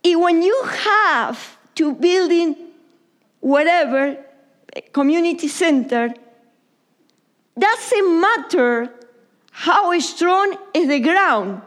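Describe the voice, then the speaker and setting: With an extremely high pitch and a fairly bright tone, this woman pastor preaches expressively at a church service. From Argentina and speaking with an Argentine accent, she learned Italian first, and her English is halting and repetitive, sometimes falling to a whisper.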